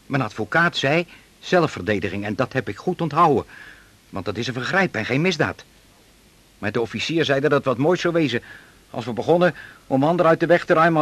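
A man's voice: fairly high pitch, fairly bright tone, no echo. An actor playing an odd, rambling male convict who reasons earnestly and stammers a little, in a radio play.

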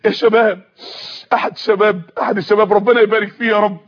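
Impassioned Egyptian preacher, high and fast. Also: male voice, flat delivery. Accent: Egyptian Arabic. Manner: impassioned, pleading, voice breaking into tears. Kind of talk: emotional sermon storytelling. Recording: muffled lo-fi recording.

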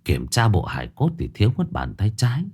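Gruff elderly father, voiced by the narrator, low and weary, snaps when pushed. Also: huge pitch swings, brisk, a little mellow, exaggerated voice. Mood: grim. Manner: gruff, snapping. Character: stern, worn-out elderly father.

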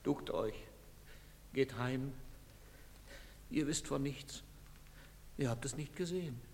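An actor playing a grieving father who speaks slowly and bitterly, accusing the bystanders, in a radio play. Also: medium pitch, a little mellow, big-room sound, a little hiss or hum. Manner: slow, bitter, grief-stricken.

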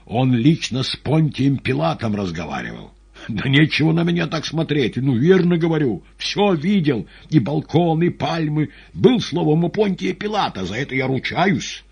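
A man's voice: on the high side, big pitch swings, moderate pace, vocal fry, a little mellow, slightly rough, pitched above the performer's own voice, exaggerated voice. A man voicing a frantic young male poet in an audiobook, agitated and insistent. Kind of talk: audiobook character voice.

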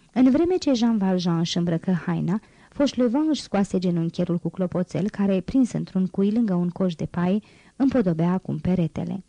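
A woman narrating a classic novel as an audiobook in a steady, even manner. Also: fairly low pitch, dry recording. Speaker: audiobook reader.

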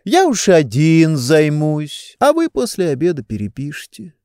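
A man doing a weary, idle gentleman. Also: fairly high pitch, huge pitch swings, a little slow, dry recording, studio quality, pitched above the performer's own voice, heavily acted.

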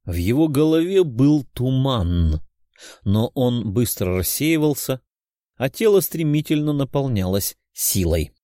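A man reading a novel aloud as narrator, in a slow, expressive style. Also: medium pitch, no echo, clean studio sound. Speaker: audiobook narrator. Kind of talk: scripted narration.

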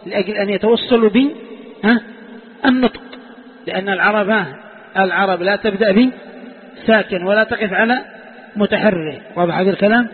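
A man teaching a classroom lesson, often quizzing his students and repeating key words. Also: high-pitched. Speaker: teacher of Quranic exegesis. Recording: phone-like sound with long hall reverb.

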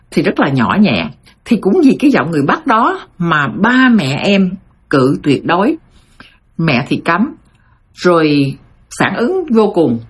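Woman, middle-aged, lower voice, lively pitch, storytelling host. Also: slightly rough. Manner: addresses audience as "thưa quý vị", animated retelling. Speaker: host retelling listeners' life stories. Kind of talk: storytelling monologue.

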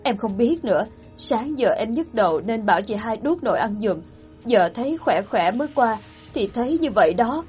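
A woman's voice: a little high, very animated, normal speed, darkish tone, faint music behind. Woman doing scared teary young girl, whimpering and pleading, storybook. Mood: frightened. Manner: whimpering, anxious pleas.

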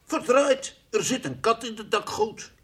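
A man voicing a playful, fussy toy lion in an old radio play, teasing at times and gently coaxing at others. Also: fairly high pitch, very animated, slow pace, slightly rough, heavily acted. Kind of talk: 1960s radio drama acting.

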